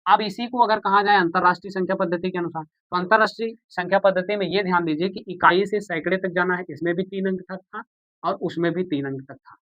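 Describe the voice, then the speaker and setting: A man's voice: high voice, steady tone, quick pace, no room sound, lo-fi sound. A man teaching a maths lesson, patient and repetitive, who asks the viewers questions and answers them himself. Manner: patient, repeats steps, calls viewers "beta" and "bhaiya".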